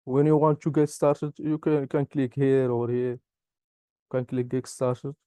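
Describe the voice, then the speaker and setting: Halting, dark-voiced man from Morocco. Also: mid-range voice, flat delivery, smooth, no echo. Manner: halting non-native English, many "uh" pauses. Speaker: software engineering graduate. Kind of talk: interview answers and product demo.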